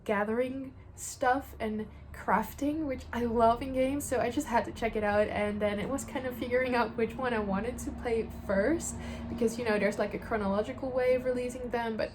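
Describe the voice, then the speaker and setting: A young woman chats casually, rambling along and dropping "like" between thoughts. Her voice sits a little high. There is a faint hum of room noise behind her. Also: fairly even intonation, moderate pace. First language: Dutch. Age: 20s. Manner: chatty, rambling, lots of "like" fillers. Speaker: gaming vlogger. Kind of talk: casual chat.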